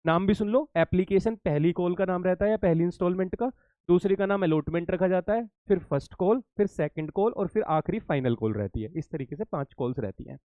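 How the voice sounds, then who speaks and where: A man's voice: sits high, brisk, no echo, narrow, tinny audio. A male accountancy teacher giving an exam-prep lesson to students, repeating key points, checking that they follow and calling them kids.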